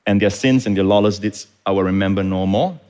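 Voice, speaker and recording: A man preaching a sermon, teaching calmly and then rising to impassioned shouts. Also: low-pitched, brisk. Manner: teaching, explains Greek words. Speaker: pastor.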